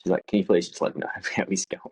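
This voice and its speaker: Deep husky laid-back man. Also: little pitch movement, fast, darkish tone. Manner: laid-back, reflective, swears casually. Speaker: podcast co-host. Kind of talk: casual chat.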